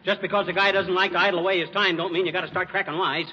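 In a 1940s radio comedy, a man plays a bumbling, boastful husband, wisecracking and chuckling in a blustering mood. His high-pitched voice races along with little pitch movement, close to an everyday voice. The old broadcast sounds dull, with reverb and hiss.

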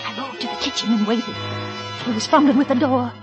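An actress playing a hysterical, scheming wife who stammers and pleads, in 1940s radio acting. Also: female voice, fairly high pitch, a little fast, lo-fi sound, natural voice. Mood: narrating. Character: frantic, scheming wife, a narrator recalling her night. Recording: old radio drama with music behind.

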